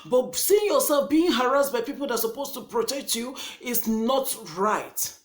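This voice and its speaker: This young woman vlogs straight to camera in Nigerian English, her slightly high voice animated and at a normal pace. The monologue is earnest, passionate and indignant, full of repeated words and fresh starts.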